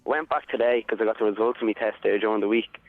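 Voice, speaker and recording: A man's voice: fairly low pitch, fast talker, no room sound, narrow, tinny audio. A man with a Dublin accent calling in to a radio phone-in, telling his story in a blunt, sweary, rambling way. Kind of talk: casual confessional chat.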